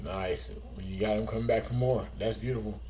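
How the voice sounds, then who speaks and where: A man hosting a casual podcast, chatty and quick to react. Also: on the low side, fairly even intonation, crowd noise. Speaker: podcast host.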